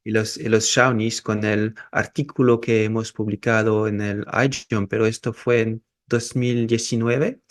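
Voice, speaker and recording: Slow, halting man. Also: lowish voice, level tone. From France and Peru, raised in Morocco. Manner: halting, with many restarts and repeated words. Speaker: osteopath and researcher, guest. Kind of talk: casual interview.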